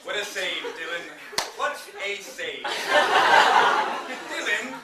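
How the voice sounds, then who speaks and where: A young man narrates a live stage comedy in a very high voice that swings up and down. He sounds mock-dramatic and teasing. The sound comes from far off in a noisy, echoey hall. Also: expressive, extremely slow. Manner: mock-dramatic, shouting protests at the characters. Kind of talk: comic improv narration. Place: theater stage with a live audience.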